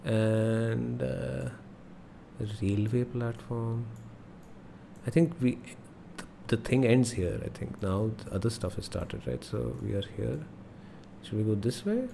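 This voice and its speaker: Taking it slowly, a young Indian-accented streamer with a mid-range, dark-toned voice and vocal fry comments casually on a geography guessing game, thinking aloud and exclaiming often. There is noticeable background noise.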